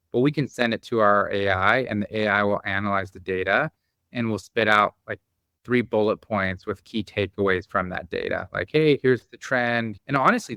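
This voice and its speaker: A man's voice: fairly low pitch, pushed and bright, dry recording. A man who grew up in the Bosnia and Croatia area, a company founder talking as a guest in a podcast interview, explaining with enthusiasm and many fillers. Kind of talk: conversational interview.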